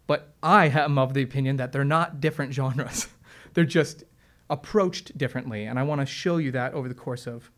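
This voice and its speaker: An opera singer and presenter, a man with a mid-range, fairly bright voice at normal speed, speaks casually and enthusiastically to an audience. On a stage or in a studio with a piano, he explains his craft in a relaxed talk with many fillers and restarts.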